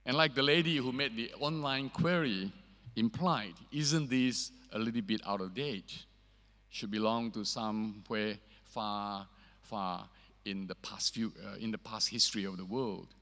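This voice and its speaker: A man giving a sermon as a preacher, measured and hesitant, putting rhetorical questions to the congregation in a large church with a long cathedral-like echo. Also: lowish voice, a bit bright. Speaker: preacher leading an evening church service. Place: large reverberant church, speaking to a seated congregation.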